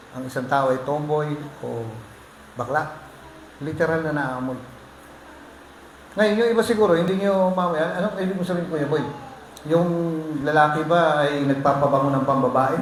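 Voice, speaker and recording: Pastor guy joking around with the crowd mid-sermon, kinda high voice, roomy echo. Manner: joking, teasing the congregation. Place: church hall. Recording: echoey hall with faint noise.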